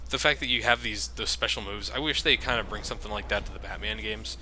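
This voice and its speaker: A man with a fairly low voice talks fast over slight background noise while hosting a let's play. His gameplay commentary is casual and relaxed, rambling along with plenty of fillers.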